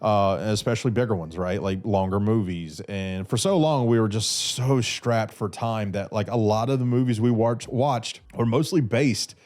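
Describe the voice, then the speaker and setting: Here the podcast host, a man in his thirties from North Carolina, has a lowish, darkish voice at a moderate pace with hardly any pauses. He sits in an armchair in a small room with a brick wall, answering listener questions into a red studio mic on a boom arm. His casual, rambling delivery is packed with fillers and restarts, and a cold leaves him a little stuffy.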